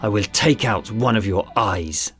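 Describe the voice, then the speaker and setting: A man's voice: lowish voice, measured pace, a bit bright, breathy edge, soft background music. A man voicing a cruel gang boss who speaks with a cold, threatening delivery. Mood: menacing.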